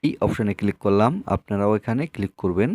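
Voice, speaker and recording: A man hosts a tech tutorial video, narrating instructions for viewers from a script built on repeated step-by-step phrasing. His fairly low, darkish voice moves fast, and the recording is dry.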